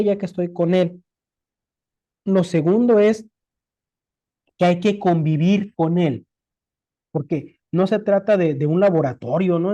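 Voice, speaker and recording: Mexican spanish speaker lecturing, super dark mellow voice, lots of questions back at you, muffled lo-fi sound. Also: mid-range voice. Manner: explains with rhetorical questions and everyday examples. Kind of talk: conversational lecture. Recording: dull lo-fi recording.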